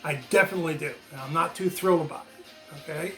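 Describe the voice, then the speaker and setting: Talking fast with a bright, forceful tone on the high side, an American man in his sixties explains his opinions to viewers over soft background music. A former teacher turned video channel host, he's emphatic and repeats phrases for emphasis.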